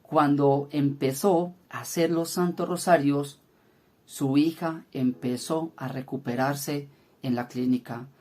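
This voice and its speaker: A man's voice: a little high, fairly even intonation, slow, darkish tone. Earnest man telling a prayer testimony. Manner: earnest storytelling, hesitant "eh" fillers. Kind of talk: spoken testimony teaching.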